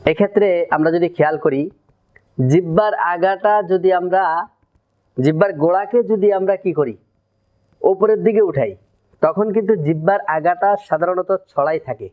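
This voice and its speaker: A man giving a Quran pronunciation lesson, explaining how to form a letter and drilling its sounds slowly, step by step. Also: high-pitched, phone-quality sound. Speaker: Quran recitation teacher.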